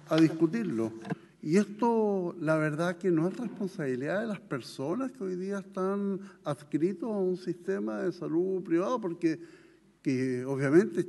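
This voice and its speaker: A man's voice: a little high, vocal fry, mellow. A man with a Chilean accent, a legislator arguing emphatically in a committee debate. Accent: Chilean Spanish. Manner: emphatic, argumentative. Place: senate committee room. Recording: long reverb in a hall.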